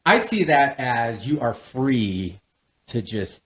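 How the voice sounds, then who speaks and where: A man's voice: medium pitch, lively intonation, takes it slowly. Easygoing male podcast host. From Southern California. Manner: encouraging, with frequent short backchannels. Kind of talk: casual interview chat.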